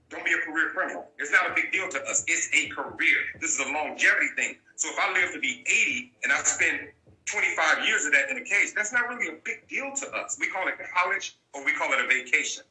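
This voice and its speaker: A man's voice: on the high side, expressive, quick pace, sharp tone, reverberant, poor audio. A man talking as an interview guest, telling his story bluntly and repeating key points for emphasis. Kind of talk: candid storytelling.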